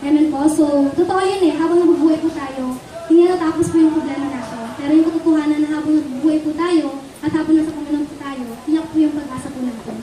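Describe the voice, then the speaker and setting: A woman with a Filipino accent delivers a sermon in a high, mellow voice, pausing often for an amen from her listeners. She stands well away from the microphone in an echoey church hall. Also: fairly even intonation, recorded from a distance. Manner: Taglish, asks the congregation for amens. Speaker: preacher.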